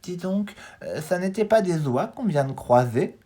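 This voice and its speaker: A man's voice: sits high, animated, unhurried, mellow, pitched above the performer's own voice. A man voicing a small, curious young mouse who dreams of travel, in a children's storybook reading. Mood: eager.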